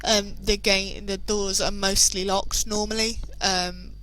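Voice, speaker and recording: A woman's voice: mid-range voice, level tone, takes it slowly, fairly bright tone, rough recording. A British woman casually commentating a horror game playthrough, chatty and self-deprecating with frequent hesitations. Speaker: gameplay commentator.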